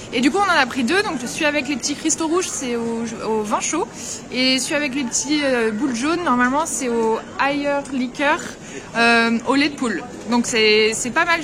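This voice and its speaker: A young woman chatting casually to her viewers while touring a snowy town and tasting market food. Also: high voice. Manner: chatty, lots of fillers, addresses viewers directly. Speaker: travel vlogger. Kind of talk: casual travel vlog. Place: outdoors at a snowy castle and Christmas market. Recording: outdoor recording with street noise behind.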